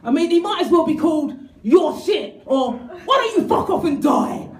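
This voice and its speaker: A woman performing a bawdy stand-up comedy set, shouting punchlines in put-on voices. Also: very high-pitched, expressive, moderate pace. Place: comedy club stage with laughing audience. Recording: echoey club, crowd laughter.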